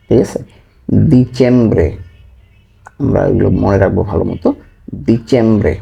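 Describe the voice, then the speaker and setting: A man tutoring beginners in a language lesson, repeating each word slowly and checking in with listeners after every item. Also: lowish voice, vocal fry, dark tone, breathy edge, muffled recording.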